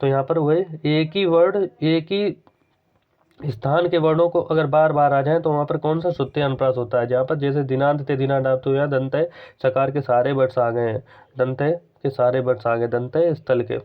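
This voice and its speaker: Man, teacher, exam-prep lesson, mid pitch, repeats key terms, narrow tinny sound. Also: fairly even intonation, clear, resonant tone. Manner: explains patiently, repeats key terms, slows to recite examples.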